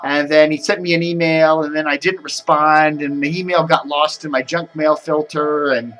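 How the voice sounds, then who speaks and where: This American man's voice leans high and a little bright, with fairly even intonation and an ordinary pace. Indoors at home, he vlogs in a rambling, casual style, thinking aloud on camera.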